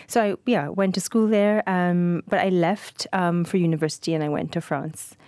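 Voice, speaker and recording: A woman, answering interview questions in a relaxed, chatty way with many fillers. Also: fairly low pitch, normal speed, no echo. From Trinidad. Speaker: guest.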